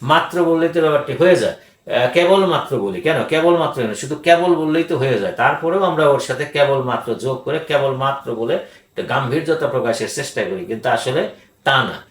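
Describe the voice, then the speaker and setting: Older male grammar teacher, deliberate, repeats for emphasis, hesitant fillers, mid pitch, echoey room. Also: expressive. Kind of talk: grammar lecture.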